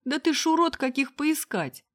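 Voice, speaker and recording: A woman voicing a hysterical, spoiled young woman who squeals insults in a high, loud voice. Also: big pitch swings, moderate pace. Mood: shrieking scorn.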